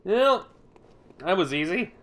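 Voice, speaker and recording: While streaming a video game, a man chats with his viewers in a slightly high, stuffy voice left over from a cold. He speaks slowly and rambles, grumbling and casually swearing as he plays, with a sing-song, fairly bright tone.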